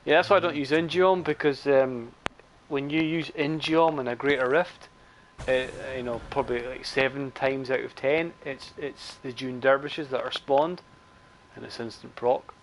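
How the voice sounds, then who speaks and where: A man talks his way through a live game stream in a rambling, chatty way. He drops dry, sarcastic asides now and then. Faint game sounds run quietly beneath his voice. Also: mid-range voice, moderate pace, slight background noise, rough recording. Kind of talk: live gameplay commentary.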